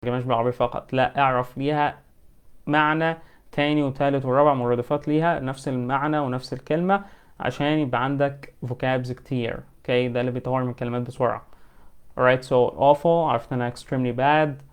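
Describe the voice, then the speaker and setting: An Egyptian man teaching an English lesson, his voice smooth and resonant at a middling pitch. He switches between quick colloquial Arabic explanation and slow, careful English examples. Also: fairly even intonation.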